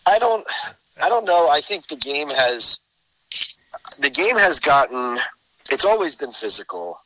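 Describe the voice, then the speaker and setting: A man's voice: on the high side, big pitch swings, unhurried, sharp tone, no echo, rough recording. A man giving conversational sports analysis as a podcast guest, explaining his case point by point.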